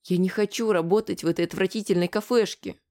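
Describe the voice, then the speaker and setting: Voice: mid-range voice, steady tone, fast, darkish tone, lightly acted. The reader voicing a timid, upset young woman on the edge of tears in an audiobook. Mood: distressed.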